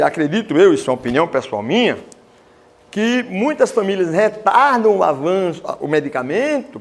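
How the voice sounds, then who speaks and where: Animated man lecturing. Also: sits high. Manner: animated storytelling with voiced quotes. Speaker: writer giving a talk. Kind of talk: lecture to students.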